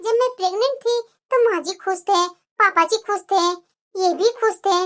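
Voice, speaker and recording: A woman plays a young cartoon daughter-in-law with a very high, squeaky voice and a bright edge. She pleads in hurt, wounded tones, sounding wronged. Light music plays behind her. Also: normal speed. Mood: puzzled, hurt. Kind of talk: Hindi cartoon voice acting. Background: background music.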